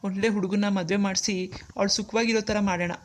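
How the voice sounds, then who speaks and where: A woman's voice: mid-range voice, fairly even intonation, fairly quick, lightly acted. Woman voicing a troubled cartoon husband. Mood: upset. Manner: earnest, troubled. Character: worried young husband and older brother. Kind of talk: cartoon dialogue acting.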